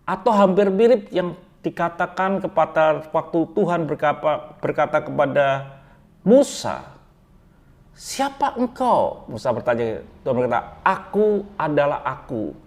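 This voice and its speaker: Indonesian guy preaching a short devotional, slow with pauses, keeps repeating the key words. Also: on the high side, animated. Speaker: pastor. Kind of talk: daily devotional sermon.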